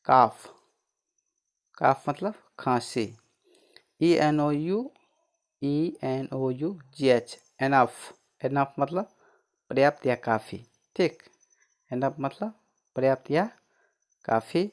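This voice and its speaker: A man's voice: medium pitch, animated, a little mellow. A man teaching a pronunciation lesson. He spells each word letter by letter, asks questions and answers them himself. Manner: spells words letter by letter, then repeats them slowly.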